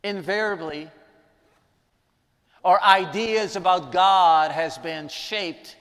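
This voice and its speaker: This Guyanese preacher's voice sits high and sounds a bit bright as he delivers a sermon with prayer. He teaches emphatically, repeating important lines for weight, amid the long reverb of a large hall.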